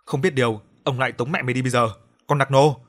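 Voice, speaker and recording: Man doing a cursing older village chief, bullying, loud threats, audiobook character, middling male pitch. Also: fairly even intonation, fast, natural voice. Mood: furious.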